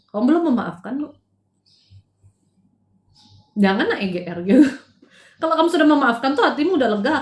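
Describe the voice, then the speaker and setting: A middle-aged woman counseling live-stream viewers on their marriages in casual chat, direct and scolding by turns, sometimes dropping in English phrases. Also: a little high. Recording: roomy echo.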